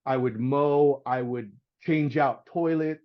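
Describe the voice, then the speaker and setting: A man's voice: mid-range voice, takes it slowly, muffled recording. A middle-aged man, a house painter and podcast guest, telling a story in a loose, casual way and acting out the voices of the people in it. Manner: animated storyteller, acts out voices, says "man" and "dude".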